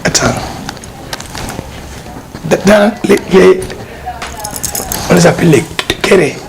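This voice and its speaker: A man, an art dealer and collector, explaining his pieces in a casual interview, halting and repeating words as he goes. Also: high voice, creaky. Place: exhibition hall with his collection. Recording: noisy background hiss.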